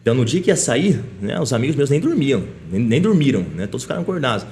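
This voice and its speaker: Fast-talking man telling a story. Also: mid-range voice, slight background noise. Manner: lively anecdotal telling, frequent tag questions. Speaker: police chief, podcast guest. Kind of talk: casual interview storytelling.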